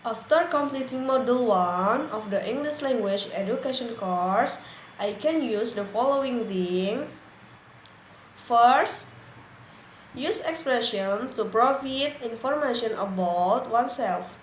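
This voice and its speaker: A woman with an Indonesian accent presenting an English lesson, reading example dialogues aloud slowly and carefully. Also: fairly high pitch, expressive. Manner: slow, careful reading with stressed words. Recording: echoey room, faint background noise.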